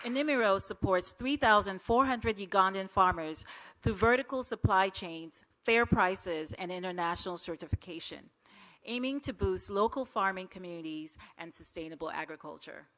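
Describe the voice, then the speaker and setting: A woman's voice: medium pitch, moderate pace, fairly bright tone. A woman presenting an awards ceremony, reading the category and nominees from a script. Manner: reads announcements steadily.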